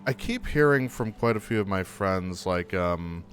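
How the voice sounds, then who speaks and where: Low-voiced chatty male streamer. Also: animated, a little slow, soft background music. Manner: chatty, upbeat, laughs easily. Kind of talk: casual live game commentary.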